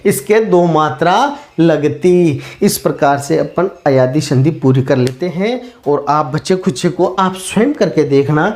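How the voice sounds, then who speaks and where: A man giving a grammar lesson at a slow, deliberate pace. He keeps asking his students what comes next and then answers himself. His explaining stays patient and step by step. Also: a little high, a little mellow. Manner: poses questions to the class and answers them himself. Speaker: teacher.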